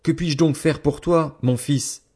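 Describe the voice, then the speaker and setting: A man reading the part of an old blind father, grave and measured. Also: a little high, fairly even intonation, dark tone, husky, pitched above the performer's own voice. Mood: shaken.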